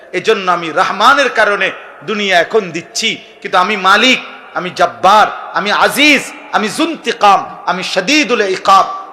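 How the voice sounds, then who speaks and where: A man from Bangladesh preaching a sermon with a Bangladeshi Bengali accent, fervent and repetitive, rising to loud emphatic peaks. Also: sits high.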